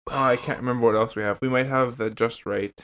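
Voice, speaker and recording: A man's voice: mid-range voice, fairly even intonation, quick pace, a bit bright, smooth. A young Canadian man co-hosting a casual podcast, giggling and restarting his sentences. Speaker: podcast co-host. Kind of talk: casual chat.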